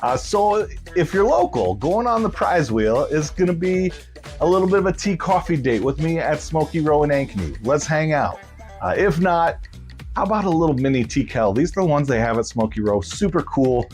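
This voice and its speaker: Animated folksy male bingo host over music. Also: a little high, fairly quick. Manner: folksy, upbeat, chatty. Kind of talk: casual bingo caller and host chat.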